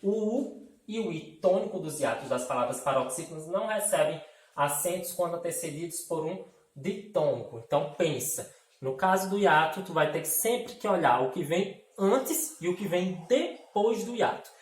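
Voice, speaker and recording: A man's voice: on the high side, expressive, moderate pace. A man with a Brazilian accent teaching a Portuguese grammar lesson, explaining step by step and often checking that the class is following. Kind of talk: grammar lesson for an online course. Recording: roomy echo, mic at a distance.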